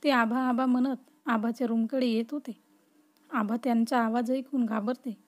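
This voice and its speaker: A woman narrating a family story in a steady, even reading. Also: a little high, normal speed.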